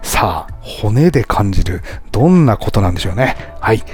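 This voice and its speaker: A man's voice: fairly low pitch, big pitch swings, normal speed, darkish tone, faint music behind. A man hosting a casual travel podcast, chatting and often laughing at his own stories. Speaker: podcast host and travel Instagrammer.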